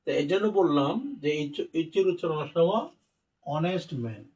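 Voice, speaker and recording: A man's voice: fairly high pitch, normal speed, a little mellow, far from the mic, rough recording. A male English teacher giving a spelling and pronunciation lesson, spelling out letters one by one and talking directly to his students.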